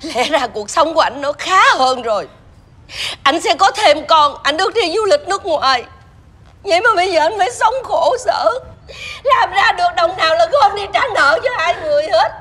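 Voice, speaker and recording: Wife, crying mad, voice swoops way up. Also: female voice, high voice, lively intonation, normal speed, pushed and bright. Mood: bitter grief. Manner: tearful, accusing outbursts. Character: grieving, furious young wife defending her husband. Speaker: wife of a sick man. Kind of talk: TV drama acting.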